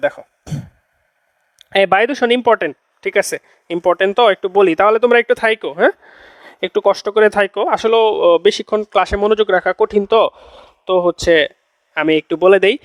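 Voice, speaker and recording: High-voiced young tutor repeating his points. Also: fast talker, long pauses, no echo. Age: young adult. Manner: repeats each phrase two or three times for emphasis; coaxing, checks in with "okay?" and "see". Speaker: admission-test tutor. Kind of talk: chemistry class lecture.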